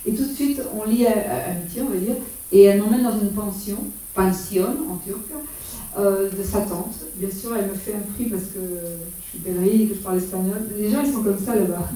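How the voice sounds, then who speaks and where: A middle-aged woman gives an informal, hesitant slideshow travel talk about her solo walking pilgrimage, full of fillers and restarts. Her warm, mid-range voice is brisk with fairly even intonation, far from the mic in a very echoey room.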